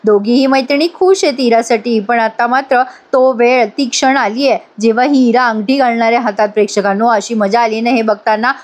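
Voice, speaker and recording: A woman's voice: on the high side, fairly even intonation, fairly quick, hardly any pauses. A woman narrating a voice-over review of a TV serial episode. She speaks straight to her viewers and reads out each character's lines herself.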